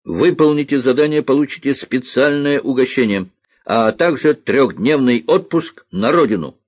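Guy doing a pompous old vice-marshal, barking orders loud and high, husky, muffled lo-fi audio. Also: normal speed, dry recording, natural voice. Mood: bombastic. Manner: loud, bombastic commanding speech. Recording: dull lo-fi recording.

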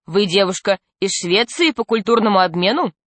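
A woman reading a storybook, voicing a loud, mocking schoolboy joker who shouts his jokes. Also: medium pitch, animated, moderate pace, dry recording. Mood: loud teasing.

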